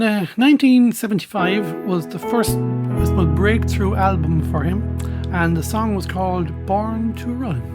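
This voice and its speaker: A woman hosting a music podcast, chatting casually between songs with frequent ums and restarts. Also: on the low side.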